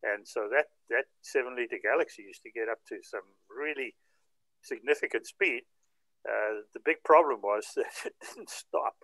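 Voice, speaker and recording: On a hobby group's video call, an older man from South Africa recounts events in a relaxed, detailed way. He speaks at normal speed in a medium-pitched, slightly bright voice. The recording is rough, though free of echo.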